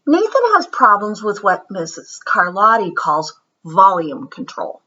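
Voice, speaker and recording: Female children's read-aloud host, bright and lively with a slightly husky edge, explanatory delivery, slightly dull lo-fi recording. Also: medium pitch, a little slow. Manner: explanatory, addressing young children. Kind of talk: expressive children's picture-book read-aloud.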